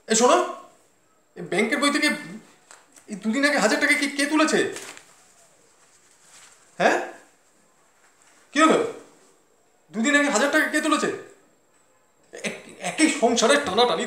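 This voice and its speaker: An actor playing a flustered, penny-pinching office-going husband in a comedy sketch, calling out frantically and complaining indignantly. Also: male voice, very high voice, lively intonation, moderate pace, long pauses, pushed and bright, exaggerated voice. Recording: echoey room.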